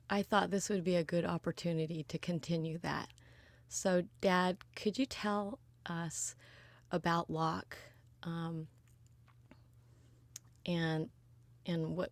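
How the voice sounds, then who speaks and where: A woman in her forties interviewing her father for an oral history recording, prompting him in a gentle, measured way. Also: on the low side, steady tone, no echo. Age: 40s. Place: quiet recording booth.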